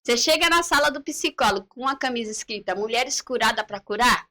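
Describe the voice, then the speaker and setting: High, bright-voiced woman telling her testimony. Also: fast talker, a little hiss or hum. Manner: animated storyteller who acts out the dialogue she recalls. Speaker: guest giving a faith testimony. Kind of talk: personal testimony on a church live stream.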